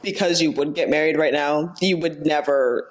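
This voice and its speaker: A woman's voice: low-pitched, moderate pace. A young woman co-hosting a podcast, chatting candidly with her partner, laughing often and filling her talk with "like". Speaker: podcast co-host. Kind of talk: casual chat.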